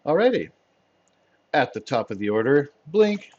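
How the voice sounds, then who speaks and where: A man's voice: mid-range voice, expressive, a little slow. Playful man running a tabletop game. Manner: playful, laughs often. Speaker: game master. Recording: dull lo-fi sound.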